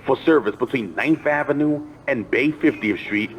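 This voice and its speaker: A man's voice: medium pitch, moderate pace, muffled recording. A man reading a formal public transit announcement in the manner of an airport announcement, delivered phrase by phrase. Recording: noisy station recording with ambience.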